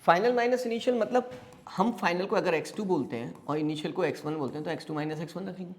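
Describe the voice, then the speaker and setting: A man's voice: sits high, fast talker. A man teaching a physics lesson. He keeps asking questions and answering them himself, calls his students "beta", and mixes English terms into his speech. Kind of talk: classroom lecture.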